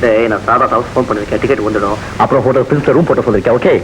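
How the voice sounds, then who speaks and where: Fast clipped business guy, high lively voice, in a rush. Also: slight background noise, poor audio. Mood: urgent. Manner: rapid, clipped, urgent. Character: fussy hurried young businessman. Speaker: friend and business partner.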